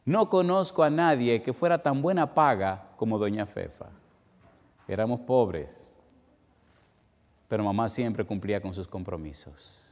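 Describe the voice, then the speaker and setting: A middle-aged man with a Dominican accent, a pastor giving an emotional, emphatic testimonial sermon that swings between raised emphasis and quiet drops. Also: on the low side, animated, measured pace, long pauses, long reverb tail. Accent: Dominican Spanish. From Dominican Republic.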